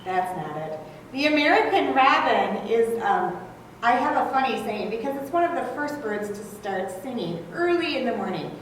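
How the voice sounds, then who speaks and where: A woman naturalist teaches children about nature, gently coaxing them along. Her voice sits high and swings in pitch. It echoes heavily in a room and sounds distant from the mic. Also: sing-song, normal speed. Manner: gently coaxing, talks to kids as friends. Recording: very echoey room, mic far off, faint background hum.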